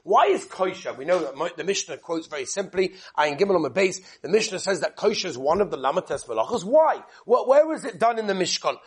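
A man with teaching a religious class as a rabbi, telling stories with rhetorical questions and repeated phrases, in a husky voice. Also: high voice, big pitch swings, fairly quick, hardly any pauses. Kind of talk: lively religious lesson with storytelling.

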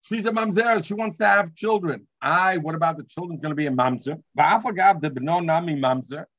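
A man's voice: on the high side, fairly quick, fairly bright tone, breathy edge, no room sound, lo-fi sound. A man with a Yiddish accent giving an informal Talmud lesson, reading and explaining, often repeating himself and answering his own questions. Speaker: Talmud teacher.

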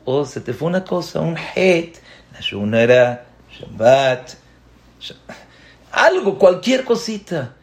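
A man's voice: a little high, slow pace. A man, a religious teacher telling a story as a sermon, raising his voice for emphasis. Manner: animated storyteller, voice rising for emphasis.

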